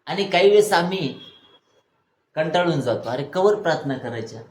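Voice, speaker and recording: A male pastor preaching a sermon. He asks the congregation questions, answers them himself, and builds to loud exhortation. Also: a little high, animated, moderate pace. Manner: call-and-response preaching, rising to loud exhortation. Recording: echoey room, faint ambience.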